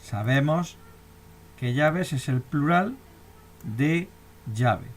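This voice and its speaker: A man's voice: a little high, lively intonation, very slow. Man teaching with patient questions. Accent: Spanish. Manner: explains step by step, checks understanding with questions. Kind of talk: recorded lecture.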